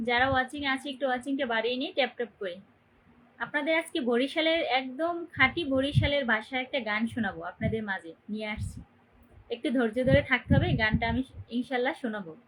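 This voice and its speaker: Speaking fast in a high, fairly bright voice, a young woman from Barisal, Bangladesh, chats casually on a phone livestream. The audio is rough with slight hiss or hum, and she names her viewers as she cheerfully asks for comments and shares.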